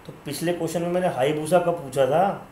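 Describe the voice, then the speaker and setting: A man's voice: fairly high pitch, brisk, warm tone, a little hiss or hum. Bantering male teacher in an echoey room. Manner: playful, teasing students by name from chat; mixes Hindi and English terms. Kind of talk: online live class.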